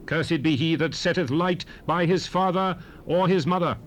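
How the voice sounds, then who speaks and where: Guy doing solemn bible prophet proclaiming blessings and curses, highish voice, old 70s cassette hiss. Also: natural voice. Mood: solemn, stern. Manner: solemn, declamatory, measured. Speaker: scripture reader in a dramatized Bible. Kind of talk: solemn dramatized scripture recitation. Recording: hissy 1970s cassette recording.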